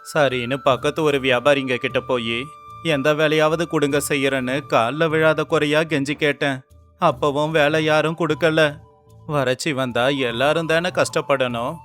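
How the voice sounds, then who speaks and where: A man's voice: a little high, fairly bright tone, close to an everyday voice. A man voicing a poor village laborer husband in a storybook cartoon, pleading and full of self-reproach, with faint music underneath. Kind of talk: storybook character voice.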